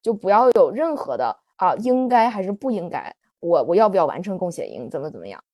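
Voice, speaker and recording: Host note: a woman telling her life story, lively swinging pitch, dry close sound. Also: a little fast, dry recording. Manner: animated, confessional, many fillers. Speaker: podcast host. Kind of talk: personal storytelling on a livestream.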